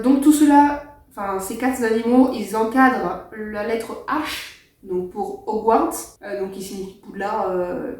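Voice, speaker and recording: Woman host, casual chat, hesitant with fillers, high-ish voice, echoey room, distant mic. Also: darkish tone. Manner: hesitant, filled with "euh" and laughs.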